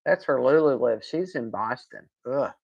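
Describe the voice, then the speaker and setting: A woman's voice: a bass voice, expressive, moderate pace, vocal fry, lo-fi sound. A woman hosting a casual live stream from home, rambling, laughing and answering viewer comments.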